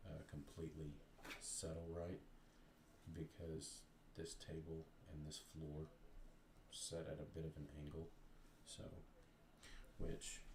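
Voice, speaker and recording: A man's voice: a bass voice, slow, gravelly, long pauses. A man hosting a crafting stream, chatting casually and thinking aloud while he demonstrates resin pouring. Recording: echoey room with steady noise.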